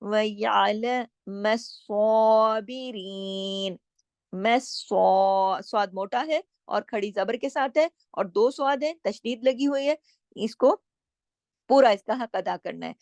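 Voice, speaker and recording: A woman teaching Tajweed, explaining each recitation rule patiently and drawing out the verses slowly. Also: a little high, animated, darkish tone, dry recording. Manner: patient, explains each rule step by step with repeated questions and answers.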